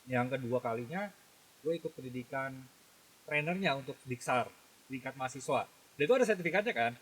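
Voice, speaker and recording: A man's voice: medium pitch, expressive, fairly quick, a bit bright, breathy edge, poor audio. A man hosting a casual podcast chat, talking in slang with lots of fillers and restarts. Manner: chatty, uses slang, many fillers and restarts. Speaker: podcast host.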